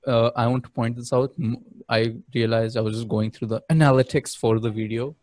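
A young man hosting a casual chat for his channel, relaxed and prone to repeating words. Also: medium pitch, a little fast, no echo. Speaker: host, YouTuber.

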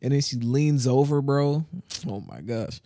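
A man's voice: medium pitch, big pitch swings, measured pace, mellow, dry recording. A young man co-hosting a podcast, telling a rambling story in casual chat with restarts and laughs. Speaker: podcast co-host.

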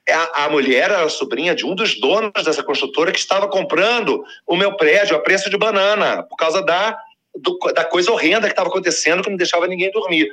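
A man with a high-pitched voice talks fast as he tells a long personal story. He is animated and slangy, acting out the voices of the people in it.

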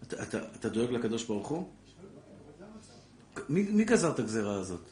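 A man's voice: medium pitch, sing-song. Rabbi guy preaching to a room, fired up, keeps saying brother, lots of echo. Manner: impassioned, addresses listeners as brother, rising to loud exhortation. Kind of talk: Torah class sermon to an audience. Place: lecture room with a live audience. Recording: echoey room with faint background noise.

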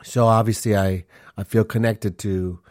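Speaking at a measured pace, the man has a lowish, steady, slightly mellow voice, captured in studio quality without echo. He's in his forties, was born in Honduras and raised in Minnesota, and hosts his own podcast. His casual solo talk is earnest and meandering, with frequent fillers and restarts.

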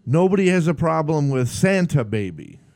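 Animated storytelling man, dry sound. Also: on the high side, normal speed, dry recording. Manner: animated storytelling, laughs often. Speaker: podcast host. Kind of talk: casual live podcast chat.

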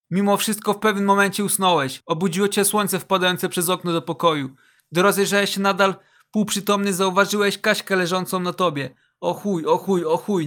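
A man with a high, bright voice tells a casual second-person story. His delivery is slangy and joking, tossing internet asides into the narration. The tone is light and crisp, pitched well above most men. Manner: slangy, jokey, reads internet asides aloud.

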